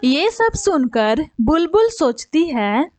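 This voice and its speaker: A woman's voice: sits high, very animated, slow, darkish tone, dry recording. A woman narrating a cartoon story in a plain, explanatory manner.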